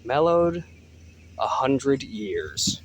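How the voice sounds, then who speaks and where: A man's voice: very slow, a little hiss or hum. A man vlogging casually outdoors on a rural delivery route, rambling and swearing as he records on his phone. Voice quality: profane, rambling, lively swings in pitch. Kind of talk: casual vlog.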